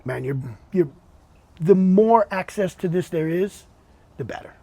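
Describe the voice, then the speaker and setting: A man hosting a podcast interview, chatting in a relaxed way, often repeating words and calling his guest "man". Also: sits high, a little slow, dry recording. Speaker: podcast host. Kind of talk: casual interview chat.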